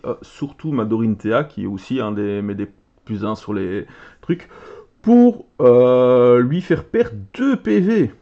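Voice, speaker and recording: A man from Belgium chatting casually as he opens trading cards, excitable and chatty, reading card names aloud. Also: medium pitch, muffled recording. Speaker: card game content creator. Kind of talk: casual card-opening commentary.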